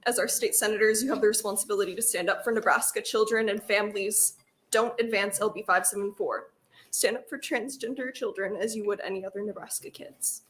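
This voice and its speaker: A woman's voice: mid-range voice, fairly even intonation, fairly quick, a bit bright. A young woman reading a firm, earnest prepared testimony to state senators.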